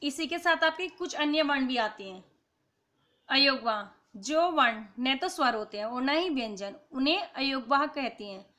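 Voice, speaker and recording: A woman teacher giving a grammar lesson to children, explaining slowly and sounding out letters one by one. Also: sits high, animated, sharp tone. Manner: slow, deliberate explanation, spelling out sounds one by one. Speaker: school teacher.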